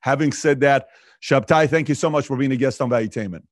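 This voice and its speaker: A man hosting an interview, introducing his guest and asking questions in a brisk, casual way. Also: medium pitch, no room sound, clean studio sound. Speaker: host.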